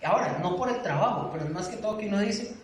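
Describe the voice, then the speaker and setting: A man's voice: sits high, expressive, quick pace. A man teaching a church doctrine class, earnest and exhorting, often putting questions to his listeners. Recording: echoey room, distant mic, faint noise.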